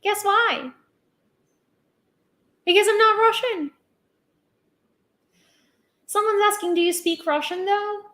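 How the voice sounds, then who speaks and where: A Ukrainian woman from Lviv in western Ukraine, with a Ukrainian accent, gives casual livestream news commentary, outspoken and emphatic, repeating herself for stress. Her voice is extremely high and sharp, and she speaks slowly with long pauses. The sound is roomy.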